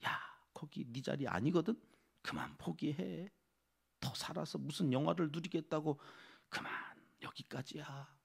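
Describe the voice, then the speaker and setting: A man voicing a devil who whispers taunts into a believer's ear, speaking in a low, coaxing murmur. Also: unhurried, gravelly, husky, exaggerated voice. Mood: taunting.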